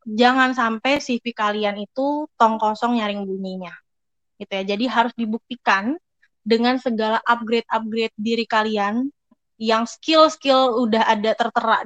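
A young woman giving casual career advice in a chatty, quick way, acting out little quoted thoughts. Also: fairly high pitch, fairly bright tone, dry recording. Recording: dry, slightly dull lo-fi sound.

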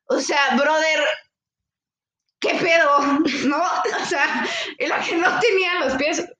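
Young Mexican woman, Mexican accent, high voice, expressive slangy chat, echoey room. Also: slow pace. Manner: expressive, slangy, laughing storyteller. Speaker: podcast co-host. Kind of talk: casual chat.

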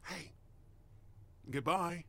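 An actor playing a menacing, cruel male stranger in an audio drama, talking in sly, mocking tones with whispers and soft laughs. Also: fairly high pitch, very slow, heavily acted. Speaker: villain. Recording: roomy echo with clear background noise.

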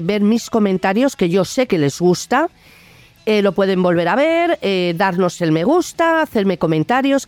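Hosting a political opinion video show, a woman with a Spain Spanish accent gives a blunt, colloquial, indignant monologue. Her voice is mid-range with a darkish tone, and the recording is dry.

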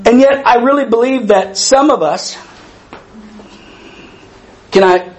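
A wheezy man in his fifties preaches in a conversational, animated style. His voice sits well above most men's. He drives points home by repeating phrases and asking the congregation questions. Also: very high voice, takes it slowly, rough recording. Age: 50s. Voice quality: wheezy breathing from a past tracheotomy. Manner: emphatic, repeats key phrases, asks listeners questions.

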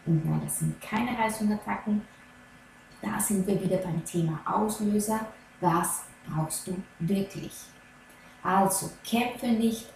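A woman coaching on Ayurveda, talking gently and earnestly straight to the listener. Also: lowish voice, vocal fry, a little hiss or hum. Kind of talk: slow advice talk to viewer. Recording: very echoey room, faint ambience.

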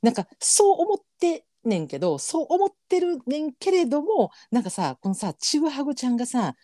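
A woman with a Kansai accent co-hosting a casual podcast, with rapid, excitable, laughing banter. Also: high-pitched, no echo, studio quality. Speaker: podcast co-host.

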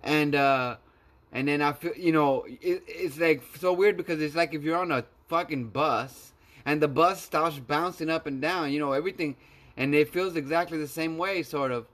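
A man's voice: on the high side, normal speed, fairly bright tone. A man telling stories in casual chat, slangy and full of swearing.

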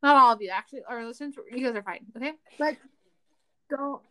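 A young woman co-hosts a casual podcast, her voice sitting a little high. She jokes crudely and swears freely, and the sound is dry and close with no room echo. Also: fast talker, a bit bright. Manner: crude, joking, swears a lot. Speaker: podcast co-host. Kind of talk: casual chat.

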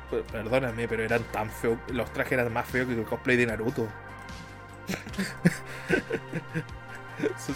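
A man's voice: medium pitch, fairly bright tone. A man from Chile with a Chilean Spanish accent, hosting a casual podcast chat, laughing often and trailing off mid-sentence. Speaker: podcast host.

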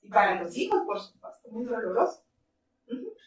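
A woman's voice: on the high side, fairly quick, slight background noise. A middle-aged woman in ministry tells stories animatedly and laughs easily. She sits some way from the microphone. The room is echoey, with faint ambience underneath. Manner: animated storytelling, laughs often. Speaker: ministry leader. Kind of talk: interview conversation. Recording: roomy, distant mic, faint ambience.

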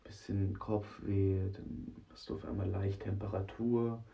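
A podcast host with a cold sounds hoarse and congested, his gravelly low voice rough, scratchy and dark in tone. In a casual solo monologue he chats and addresses the listener directly, often adding "ne?". The mic is distant and dull.

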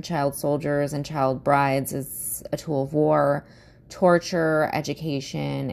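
A woman's voice: low voice, gravelly, darkish tone. A thirty-year-old Midwestern American woman with a valley girl way of talking, casually introducing herself as a solo podcast host into her phone. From Midwestern US, suburbs of Chicago.

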